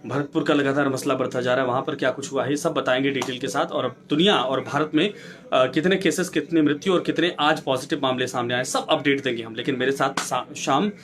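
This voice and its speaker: A man's voice: mid-range voice, fairly even intonation, fairly quick, a bit bright. A male news anchor giving an impassioned, preachy commentary, exhorting viewers and firing off rhetorical questions.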